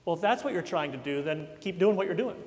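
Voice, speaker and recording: A man quoting an elderly woman parishioner in a brisk, matter-of-fact way, close to his own voice. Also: high voice, animated, darkish tone. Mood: wry. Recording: long church hall reverb.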